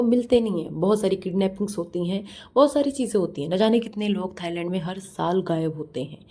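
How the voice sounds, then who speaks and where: A woman's voice: mid-range voice, mellow. Scornful woman reaction vlogger. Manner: scornful, mocking, scolding. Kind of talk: reaction vlog commentary.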